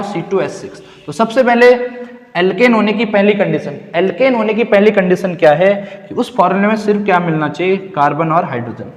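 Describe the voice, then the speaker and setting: A man teaching chemistry in a classroom lecture, asking questions and answering them himself, repeating key words and calling his students "beta". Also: high voice. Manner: calls students "beta", casual and direct. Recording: echoey roomy classroom.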